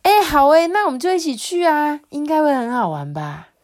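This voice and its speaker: Woman voicing a squeaky, teasing storybook rice cooker, little-girl pitch. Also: moderate pace, darkish tone. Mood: playful.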